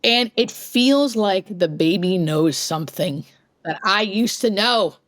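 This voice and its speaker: A woman speaking as an interview guest, earnest and informal, sharing personal reflections in an expressive, conversational way. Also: medium pitch, unhurried, dry recording, studio quality. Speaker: interview guest, hospice nurse.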